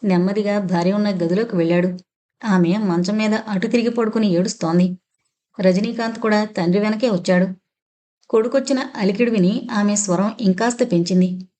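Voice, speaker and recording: A woman narrating a family novel as an audiobook reader, in steady scripted narration. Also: mid-range voice, moderate pace. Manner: steady storytelling.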